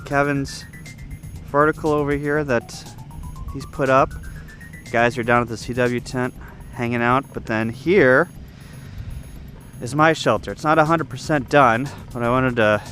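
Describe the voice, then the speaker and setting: A ham radio hobbyist gives an informal, unscripted video tour of his camp setup at an outdoor campsite, explaining things and thinking aloud as he goes. His voice is medium in pitch and fairly bright, his pace measured, with faint music in the background.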